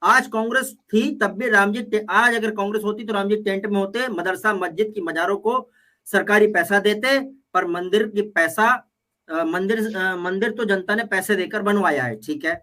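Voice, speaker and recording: High bright-voiced man reading comments. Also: normal speed. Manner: reads comments aloud, argues with quips. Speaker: debate panelist reading viewer comments. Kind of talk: live political panel debate.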